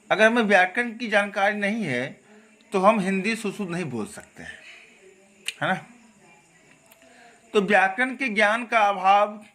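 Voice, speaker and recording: A man with a high, bright voice leads a grammar lesson. He says each word the wrong way and then the right way, slowing down to stress the correct form. He keeps checking in with his students as he goes. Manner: explains patiently, repeats wrong and right forms, checks with "है ना?" and "okay?"; slow, careful stress on corrected words. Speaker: Hindi grammar teacher. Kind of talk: classroom lesson.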